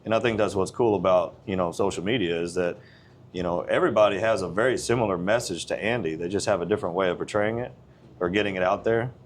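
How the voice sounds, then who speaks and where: A man's voice: low-pitched, fast, slight background noise. A man in his forties, a gym owner, talking in a blunt, earnest, plain-spoken way in a casual interview. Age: 40s.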